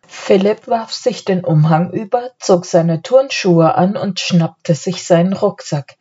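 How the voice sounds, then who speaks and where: A woman narrating a children's audiobook, gentle storytelling. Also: on the low side, takes it slowly, slightly rough, highs cut off.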